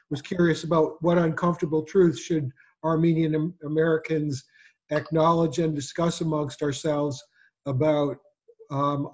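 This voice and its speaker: Husky flat-voiced man asking a question. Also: on the high side. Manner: hesitant, many fillers and stumbles. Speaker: audience member asking a question. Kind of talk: question on a video call. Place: home room. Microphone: video call.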